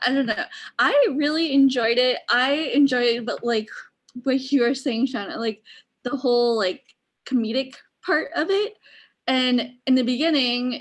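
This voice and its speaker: A woman panelist in a casual discussion, speaking haltingly and saying "like" often. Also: fairly high pitch. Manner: halting, heavy use of like.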